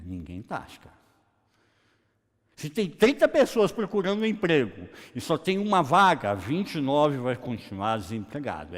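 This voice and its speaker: A man preaching a lively sermon in a colloquial, joking way, acting out Bible scenes. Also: medium pitch, slightly rough. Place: church hall. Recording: long church-hall reverb.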